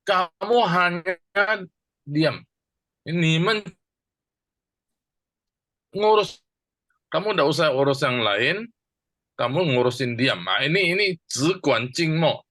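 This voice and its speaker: Slow, deliberate male Bible teacher. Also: on the high side, animated, a bit bright, dry recording. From Indonesia. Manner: explains word by word, asks and answers his own questions; slow and deliberate with many pauses. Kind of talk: teaching a Bible verse, mixing two languages.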